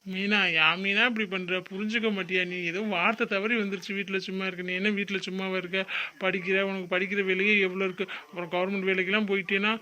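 A man voicing a stressed, irritable young husband in a cartoon, talking fast and complaining. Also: high-pitched, level tone, bright, forceful tone. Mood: pleading. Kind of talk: cartoon voice acting.

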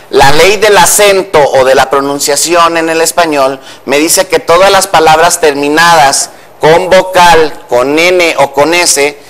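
Male language commentator from Mexico, fairly high voice, methodical teacher's delivery, TV news studio. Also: a bit bright. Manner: didactic, patient, explains step by step. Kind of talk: explaining spelling rules on air.

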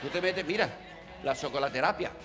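A man telling a comic story in a stand-up monologue, acting out the dialogue quickly. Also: a little high, animated, music in the background, crowd noise. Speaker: stand-up comedian.

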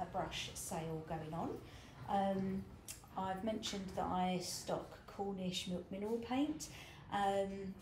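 A woman showing customers around her small shop, chatty and relaxed with plenty of ums. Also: on the low side. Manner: chatty and relaxed, many fillers like um and uh. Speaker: shop owner giving a tour. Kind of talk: casual walk-through shop tour. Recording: echoey shop room with clear background noise.

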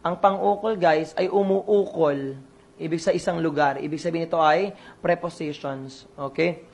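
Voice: mid-range voice, steady tone, normal speed, vocal fry, a little mellow. A coach running an online exam review lesson, quizzing the listeners and repeating each answer to drill it in.

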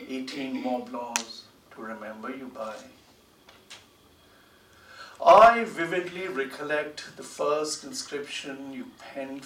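This man, a poet, translator and book editor, talks and reads poetry on a panel in a big indoor lecture theatre. His voice sits in the mid-range with a fairly bright tone. A distant desk gooseneck microphone picks him up in the roomy hall, with faint background noise.

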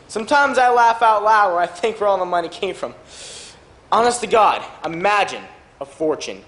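A man plays a brash self-made banana tycoon who brags about his wealth in a stage monologue. His voice sits high and swings widely. It echoes around a big hall. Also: a bit bright. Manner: boastful, brash. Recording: echoey auditorium.

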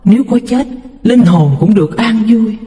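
Man doing a higher frail sick wife voice, soft and devout, big echo. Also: lively intonation, normal speed. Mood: hopeful, devout. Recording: echoey, reverberant room.

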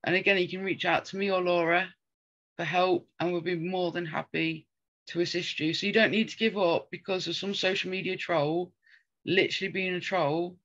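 A woman's voice: fairly low pitch, fairly even intonation, normal speed, a bit bright, muffled recording. A woman co-hosting a casual chat, talking earnestly and rambling with frequent ums. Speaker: podcast co-host.

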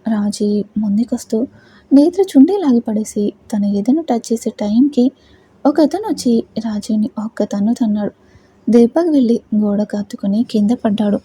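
Husky, mellow woman storyteller. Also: on the high side, normal speed, poor audio. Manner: steady, dramatic reading. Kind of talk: scripted story narration.

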